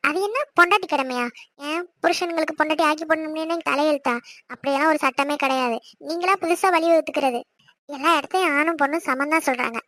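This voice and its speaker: A woman's voice: sits high, fairly bright tone, no room sound. A woman voicing a stubborn, outspoken young cartoon wife. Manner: pleading and arguing, quick and insistent.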